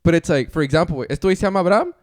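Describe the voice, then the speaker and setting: A man's voice: a little high, animated, rapid-fire. A young man joking on a podcast, mixing Spanish slang into his English and storytelling. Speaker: podcast co-host. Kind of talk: casual chat.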